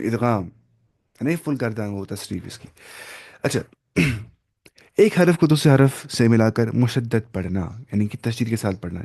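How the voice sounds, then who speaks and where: A man teaching the rules of Quran recitation in a casual lesson, often slipping in English terms and modelling examples slowly. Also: medium pitch, gravelly, darkish tone. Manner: explains, then models slow drawn-out recitation; mixes English terms into explanations.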